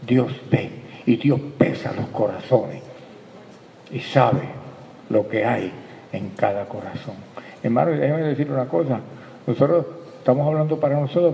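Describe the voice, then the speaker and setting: Gravelly preacher in an echoing hall. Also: male voice, medium pitch, a little hiss or hum. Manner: addresses listeners as brother, rising to loud emphatic bursts. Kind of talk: sermon. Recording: echoey hall, dull lo-fi sound, faint ambience.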